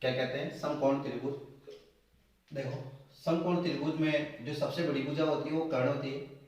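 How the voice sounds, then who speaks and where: A man's voice: fairly high pitch, fairly even intonation, moderate pace, a little mellow. A man teaching a maths lesson at a board, repeating key terms back as questions. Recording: echoey room, voice from a distance.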